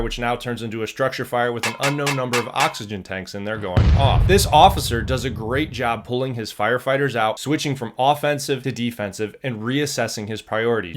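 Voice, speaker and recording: Male host, American accent, medium pitch, explanatory instructor commentary. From United States.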